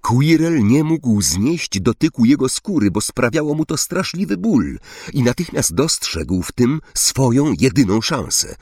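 A man reading a storybook aloud as narrator, slow and dramatic with drawn-out pauses. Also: mid-range voice, big pitch swings, a little mellow, breathy edge, no room sound, studio quality. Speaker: audiobook narrator.

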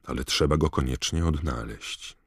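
A man reading aloud, voicing a stern old male wizard headmaster who gives firm, measured commands. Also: very deep voice, slightly rough, dry recording, studio quality, exaggerated voice.

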